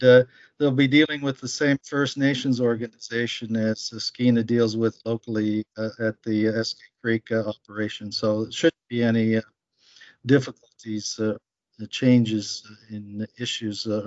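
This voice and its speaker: A man giving casual mining market commentary over a remote laptop call, hesitant with many fillers, heard as a low quality stream with patchy audio. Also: flat delivery, normal speed, no room sound. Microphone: laptop mic on a remote call. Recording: dull, lo-fi, dry stream audio.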